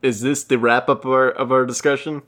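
A man's voice: mid-range voice, little pitch movement, a little fast, fairly bright tone. A young man co-hosting a podcast in casual comedic chat, rambling and self-deprecating. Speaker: podcast co-host.

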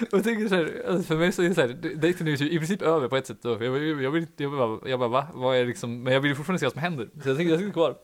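A man's voice: on the high side, hardly any pauses. A young man hosting a podcast, casually telling a long anecdote in a rambling way, full of fillers and laughing at his own story. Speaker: podcast host.

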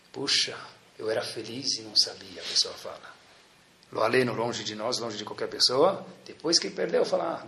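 A man's voice: a little high, pushed and bright, roomy sound. A man with a Brazilian accent giving a Torah lesson, asking rhetorical questions and acting out little dialogues. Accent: Brazilian Portuguese. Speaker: rabbi teaching Torah.

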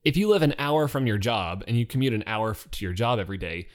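A man co-hosting a casual news podcast who rambles through the stories with jokes and quick self-corrections. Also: mid-range voice, animated. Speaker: podcast co-host.

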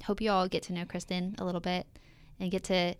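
A young woman with a Southern US accent, hosting a casual church-team podcast interview, chatty and quick to laugh. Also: fairly low pitch, level tone, a little hiss or hum. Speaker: podcast host.

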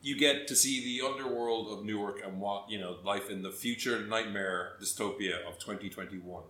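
A man co-hosting a podcast, chatty and rambling, quick to laugh. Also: fairly low pitch, sharp tone, echoey room. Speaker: podcast co-host. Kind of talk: casual podcast chat.

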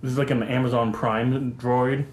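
A man in casual movie chat, playful and jokey, slipping into quick character voices. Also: medium pitch, level tone, roomy sound.

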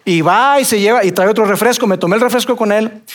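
A man's voice: sits high, quick pace. A man from Mexico with a Mexican accent, telling a personal testimony with acted-out dialogue and many fillers.

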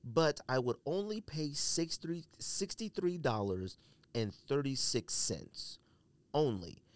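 With a medium-pitched voice, the man speaks slowly but animatedly, recorded with no room sound. Hosting his casual podcast while under the weather, he coughs and sneezes, offering emphatic, blunt opinions and repeating himself to stress them.

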